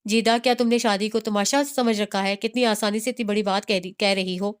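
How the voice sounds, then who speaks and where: A woman's voice: medium pitch, steady tone, clean tone, natural voice. A woman reading the part of an unhappy young married woman who tearfully defends her marriage. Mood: defensive.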